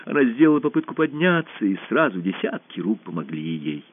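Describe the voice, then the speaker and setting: A man's voice: lowish voice, big pitch swings, fairly quick. Man narrating a story expressively. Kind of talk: audiobook narration. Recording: dry tinny phone-like sound.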